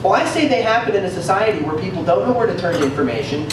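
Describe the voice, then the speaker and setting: Higher-voiced man, quick and earnest. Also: lively intonation, noisy background. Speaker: film panelist. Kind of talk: Q&A answer at a screening. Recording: echoey room from far off, dish clatter.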